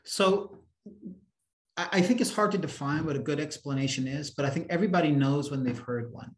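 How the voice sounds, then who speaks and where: At an academic seminar held over a video call, a man fields a question in a Q&A discussion, speaking emphatically and often repeating words as he begins a sentence. His voice is on the high side and brisk. The room sounds echoey.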